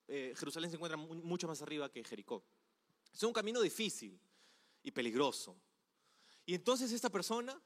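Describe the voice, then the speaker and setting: A man with a somewhat high voice preaches a sermon in a relaxed, conversational way. He keeps turning to his listeners with rhetorical questions. His voice rings out with a long reverb, as if in a large hall. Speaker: pastor.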